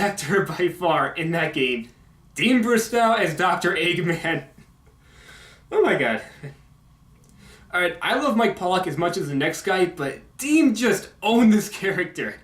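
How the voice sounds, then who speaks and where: This casual vlog update comes from a video game commentator, a man whose high-sitting voice has a fairly bright tone. He mumbles, halts and leans on lots of fillers, recording on a condenser mic in an echoey home room.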